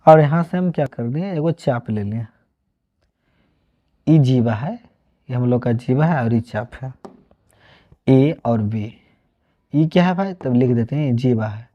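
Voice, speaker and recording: A man's voice: mid-range voice, lively intonation, measured pace, pauses often. A man from Bihar with a Bihari accent, teaching a math lesson online. He asks questions and answers them himself, mixing Hindi with regional dialect. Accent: Bihari, Magahi-tinged Hindi. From Bihar, India. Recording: dull lo-fi sound.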